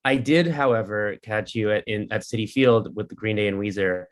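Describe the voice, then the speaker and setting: A podcast host with a low-leaning voice talks fairly quickly as he interviews a band over video call. He's hosting his music podcast from his apartment, chatting casually and saying um and like a lot.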